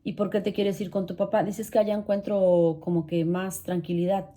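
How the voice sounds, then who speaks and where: A woman's voice: medium pitch, little pitch movement, normal speed, warm tone. A middle-aged woman telling a painful personal story in an earnest, pained way, often repeating herself. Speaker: channel host sharing her story. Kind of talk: emotional personal testimony.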